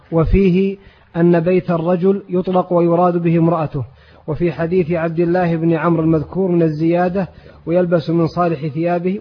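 A man reading a classical commentary aloud to a sheikh in a steady, formal recitation. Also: a little high. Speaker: reader of the text. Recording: dull lo-fi old tape.

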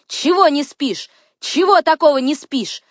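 A woman voicing a rough, wild servant woman who taunts loudly, in a dry recording. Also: high voice, lively intonation, unhurried, no room sound, pitched above the performer's own voice. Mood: taunting. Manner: taunting, loud.

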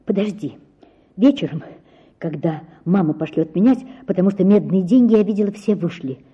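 A woman's voice: animated, moderate pace, mellow, breathy edge. A woman voicing a frightened little girl who pleads and sobs, in a dull lo-fi audiobook recording. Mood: eager, submissive. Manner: high, tearful, pleading cries.

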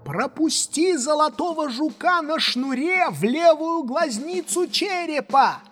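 A woman voicing a wildly excited eccentric gentleman in a storybook reading, shouting and frantic, with long reverb and faint music. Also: high voice, slow, pitched above the performer's own voice.

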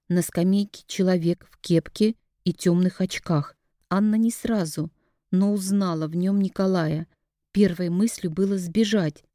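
A woman reading a novel aloud in an even, measured way. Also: on the low side, no echo, studio quality. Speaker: audiobook narrator. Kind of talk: scripted narration.

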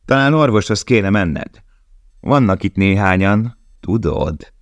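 A man's voice: fairly low pitch, animated, dry recording, pitched above the performer's own voice, close to an everyday voice. A man reading an audiobook, voicing a harsh male camp guard who speaks in a taunting, menacing way.

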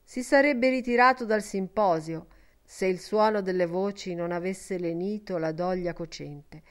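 A woman narrating a literary novel as an audiobook, measured and expressive. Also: medium pitch.

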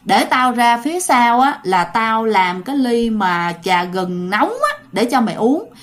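Brief: older mother-in-law, lower and brusque, woman narrator doing the voice. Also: very animated, a little slow.

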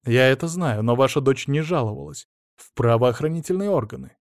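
A man's voice: mid-range voice, a little fast, gravelly, no echo, studio quality, close to an everyday voice. A man reading an audiobook, voicing a persistent male detective who questions firmly and matter-of-factly. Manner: firm, persistent, matter-of-fact. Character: firm male police detective, adult.

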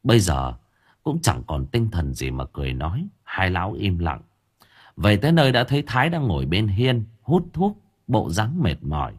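Casting: male audiobook narrator, low and husky, lively intonation. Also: moderate pace. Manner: expressive, varied intonation. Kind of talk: storytelling narration.

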